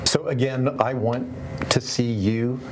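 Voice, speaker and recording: A middle-aged man, a family doctor, explains things calmly as a guest in a TV studio, scattering "you know" through his sentences. His voice sits at a middle pitch, caught on a lapel mic with faint room ambience. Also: takes it slowly, slight background noise. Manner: calm, explanatory, many "you know" fillers. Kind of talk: TV guest interview. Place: TV studio set.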